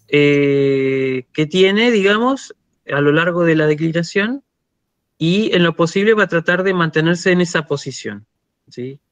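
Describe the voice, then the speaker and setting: A man's voice: a little high, fairly bright tone, dry recording. A man with an Argentine Spanish accent, teaching a university lecture and often checking in with "¿sí?" while he thinks aloud.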